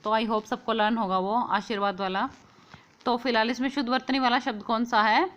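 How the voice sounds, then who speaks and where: A young woman with a bright, forceful voice runs an exam quiz lesson. She pitches a little high and explains patiently. She keeps repeating key points and asking the viewer questions. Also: fairly even intonation, brisk, muffled recording.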